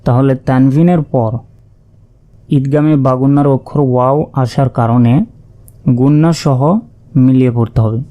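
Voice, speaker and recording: A man teaching Quran reading, spelling out Arabic syllables patiently and chanting each word slowly. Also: mid-range voice, fairly even intonation, dark tone, no room sound, lo-fi sound. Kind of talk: spelling out Arabic letter by letter, slow recitation lesson.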